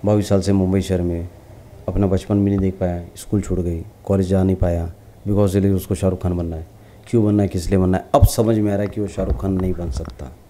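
A middle-aged man telling stories in an interview, lively, and acting out the lines of the people he quotes. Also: low-pitched, brisk, slight background noise. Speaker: celebrity lookalike actor interviewee. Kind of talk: casual storytelling interview.

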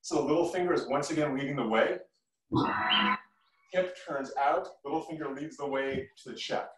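In a medium-sized living room, a middle-aged martial arts instructor leads a live kung fu class with short commands and encouraging feedback. His voice is a little high and moderately paced, with soft music playing, and the camera across the room gives a distant, echoey sound.

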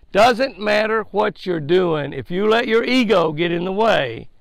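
An older man hosts a daily devotional that includes a fishing tip, preaching in a folksy, emphatic style and repeating his points. His voice is high-pitched and a bit bright, with vocal fry. He was recorded outdoors by a lake on a headset mic, with no room sound.

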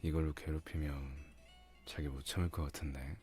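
A man playing a doting, teasing young boyfriend in an intimate ASMR ASMR role-play, murmuring softly and coaxingly close to the microphone. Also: extremely low pitch, little pitch movement, moderate pace. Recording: music behind the voice.

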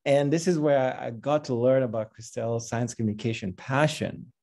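A man in his forties introduces a guest over a video call, his voice dark and mellow. He talks in a friendly, halting way, often starting phrases over. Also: medium pitch, fairly even intonation, gravelly. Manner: warm, halting, with restarts and laughs. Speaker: host. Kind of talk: casual spoken introduction. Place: home room with bookshelves.

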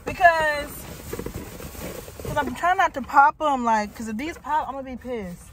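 A woman's voice: sits high, fairly bright tone, slight background noise. Chatty woman vlogging from her car. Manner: chatty, fills with "like" and "y'all", quick to exasperation. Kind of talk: casual chat to camera. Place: inside a car. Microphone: phone propped up in the car.

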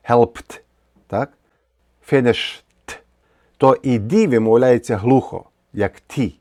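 A man's voice: medium pitch, dark tone, no room sound, clean studio sound. A man teaching English grammar with a Ukrainian accent, explaining patiently step by step with many repeated examples.

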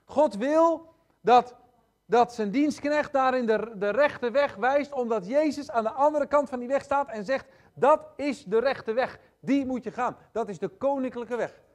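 A male preacher delivering a sermon in a noticeably high voice for a man. He talks straight to the congregation, hammering points home with repetition. His delivery swings between loud stresses and quiet, hushed asides. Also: measured pace. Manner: addresses congregation directly.

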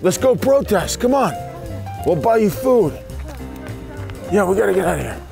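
Man, high animated voice, shouting and calling out, music under the outdoor take. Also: normal speed, vocal fry. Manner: loud calling out, urgent.

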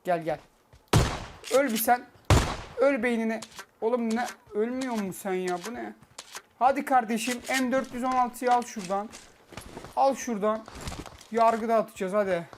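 Excitable man yelling over loud gunfire. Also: extremely high pitch, noisy background. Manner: excitable, shouting, swearing, repeating himself. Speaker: gameplay streamer. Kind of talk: live gameplay commentary. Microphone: cheap poor-quality microphone. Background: loud game gunfire and clicks.

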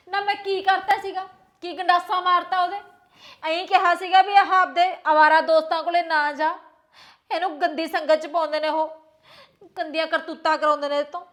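An actress playing a tearful young wife who feels wronged by her household, speaking with a shrill, aggrieved voice. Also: steady tone, normal speed, pauses often, fairly bright tone. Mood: bitter. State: crying. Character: tearful young wife threatening to leave home. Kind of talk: film drama dialogue.

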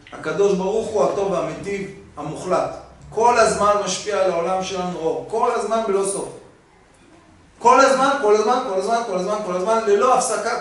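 A man, a rabbi, giving a Torah sermon in a yeshiva study hall, with rhetorical questions and insistent repetition. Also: sits high. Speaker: rabbi teaching Kabbalah. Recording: echoey hall, voice from far off.

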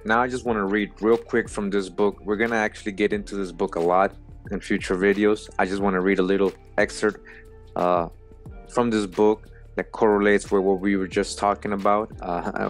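Male host, low voice, emphatic lecture-style commentary with book readings, faint music bed. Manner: emphatic, repeats "all right?" and restates points. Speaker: video host.

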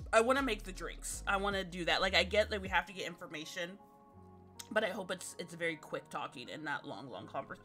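A woman's voice: fairly low pitch, bright, forceful tone. A woman casually commenting on a game as she plays, chatty and thinking aloud with many fillers. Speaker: game streamer. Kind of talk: casual let's-play commentary.

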